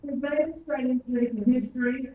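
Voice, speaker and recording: A woman's voice: high-pitched, fairly even intonation, quick pace, mellow. A woman delivers an emphatic victory speech through a crackling live feed that keeps cutting out. Her voice sits far from the mic and rings around a very echoey hall. A faint hiss runs underneath. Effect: crackling, dropping-out live audio feed. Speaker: election candidate. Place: large hall at a campaign event.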